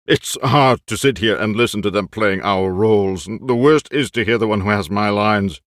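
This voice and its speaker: A man's voice: lowish voice, normal speed, fairly bright tone, no room sound, studio quality, natural voice. A man performing a nervous, vain, aging Spanish stage actor who talks in theatrical, frantic outbursts. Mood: rambling.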